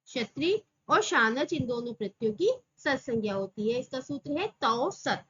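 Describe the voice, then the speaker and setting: A woman's voice: high-pitched, expressive, a bit bright, breathy edge, lo-fi sound. A woman teaching an exam-prep grammar lesson, repeating each term and answering her own questions. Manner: slow, repeats terms and asks rhetorical questions.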